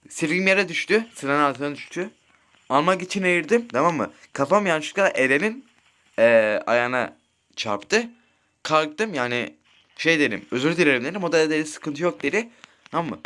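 This teenage streamer has a high-leaning, fairly bright voice as he chats over a mobile game. He tells meandering, crude school stories, swears frequently and keeps asking listeners "right?"

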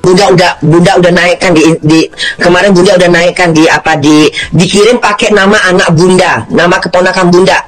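Loud, rambling woman livestream host. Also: fairly low pitch, fairly even intonation, a little fast, over music. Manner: loud, indignant, rambling with many restarts. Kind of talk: livestream rant.

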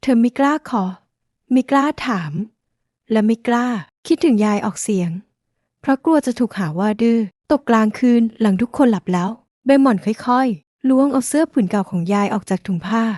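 A woman narrating a sad folk tale in a gentle, measured storytelling voice. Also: fairly high pitch, dry recording, studio quality.

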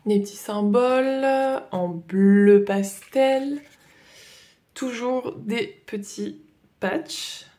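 Vlogger, young adult woman, Northern French Ch'ti accent, unhurried, halting casual chat. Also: medium pitch, dark tone. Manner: hesitant, many fillers and "voilà". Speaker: coloring vlogger.

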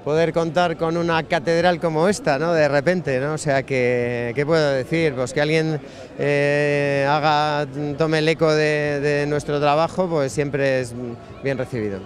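Reflective musician, fairly high voice. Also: male voice, fairly even intonation, measured pace, soft background music. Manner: reflective, hesitant with many restarts. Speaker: band musician. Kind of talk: casual interview answers. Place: crowded bar, indoors. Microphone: handheld mic held by interviewer.

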